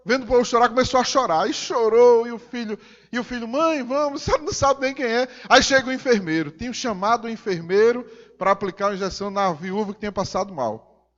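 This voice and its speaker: A man's voice: high voice, quick pace. A man with a Brazilian accent preaching a sermon in a church hall, emphatic and repetitive, speaking directly to the congregation. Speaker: pastor. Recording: dull sound with long hall reverb.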